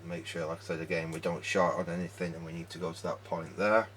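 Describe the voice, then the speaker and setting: A hobbyist electronics repairer and presenter gives casual, hands-on commentary, muttering step by step as he works. His voice sits low with little pitch movement, a bit bright, and he talks fast.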